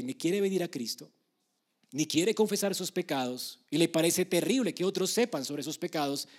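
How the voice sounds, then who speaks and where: Male preacher with a high-pitched voice, emphatic sermon delivery that swings from soft to loud. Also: slightly rough.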